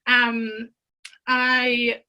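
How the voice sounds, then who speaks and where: A woman with a bright, fairly high voice gives a heartfelt motivational talk from home over a video call. She is earnest and easily moved, often restarting her sentences and leaning on fillers. Her tone stays open and sincere throughout. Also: completely flat delivery, very slow, muffled recording. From Tonga. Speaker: business speaker. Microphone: computer mic on a video call.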